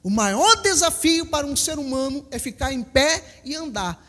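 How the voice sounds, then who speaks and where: A man with a Brazilian Portuguese accent, a pastor preaching a sermon and telling lively stories to his congregation. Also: extremely high pitch, moderate pace. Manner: storytelling, animated, acts out quotes, laughs with congregation. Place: church hall. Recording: long hall reverb.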